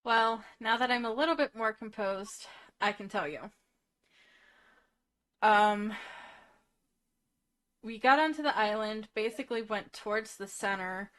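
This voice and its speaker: A woman's voice: medium pitch, unhurried, pauses often, a bit bright. A woman playing a tabletop role-playing game on a live stream, recounting events casually with many ums. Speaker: player.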